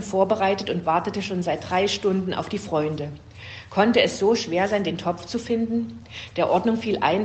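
A woman's voice: lowish voice, darkish tone, slight background noise. A woman reading a fable aloud as storybook narration. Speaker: reader. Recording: roomy echo.

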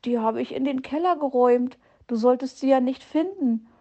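A woman's voice: sits high, normal speed, warm tone, lo-fi sound, pitched above the performer's own voice, close to an everyday voice. A woman voicing a cheeky little boy hedgehog who pleads with his mother, in a storybook reading. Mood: pleading. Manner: pleading, wheedling.

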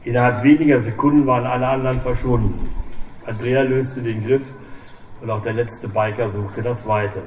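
A man reading a crime thriller aloud in steady narration. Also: mid-range voice, normal speed. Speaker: audiobook reader. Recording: echoey room, distant mic, faint hiss.

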